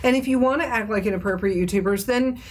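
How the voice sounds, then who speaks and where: Thoughtful woman explaining parenting calmly. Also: medium pitch, quick pace, a little hiss or hum. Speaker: co-host and parent. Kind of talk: live webinar Q&A chat.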